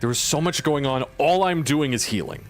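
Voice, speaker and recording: A man's voice: on the high side, a little fast, soft background music. A man giving live gameplay commentary as a healer, venting in an exasperated, profane way and repeating himself for emphasis. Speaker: gamer, streamer playing a healer.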